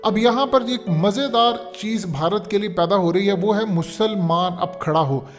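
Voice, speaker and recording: A man's voice: sits high, normal speed, soft background music. A man from Pakistan, giving emphatic, lecturing political commentary as a show's host. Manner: emphatic, lecturing, repeats "dekhiye".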